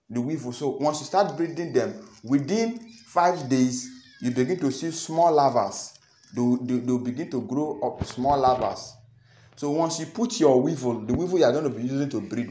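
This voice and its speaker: A young man with a Nigerian accent talks to the camera in a small room, patiently explaining and often saying things twice. His voice sits at an ordinary pitch. The room adds a noticeable echo. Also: a little mellow. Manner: repeats phrases, earnest and explanatory. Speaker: farming channel host. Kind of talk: instructional vlog talk to camera.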